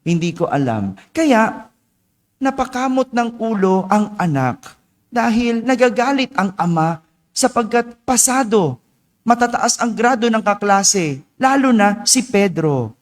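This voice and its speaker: A male priest giving a homily at morning mass, chatty and teasing the congregation with quick asides. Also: very high voice, expressive. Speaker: parish priest. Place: church. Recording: long church reverb.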